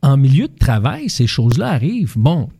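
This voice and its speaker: A man's voice: medium pitch, sing-song, fairly quick, creaky, mellow, breathy edge. A man with a Québécois French accent, a guest explaining relationship habits through concrete everyday examples, with restarts and fillers. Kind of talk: casual explanatory chat.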